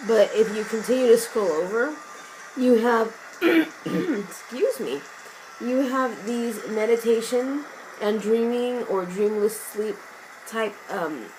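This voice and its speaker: A woman with a hoarse, fading voice muses aloud in a loose, self-mocking vlog chat at an average pitch. Rain and thunder sounds play loudly behind her throughout. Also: a little hiss or hum, poor audio. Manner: chatty, meandering, self-mocking. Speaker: vlogger. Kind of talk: casual musing vlog. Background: rain and thunder ambience sounds.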